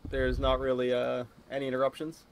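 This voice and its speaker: A man's voice: medium pitch, completely flat delivery, fairly quick, creaky. A man playing a tabletop game, describing his character's actions in the third person, a bit hesitant. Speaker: player.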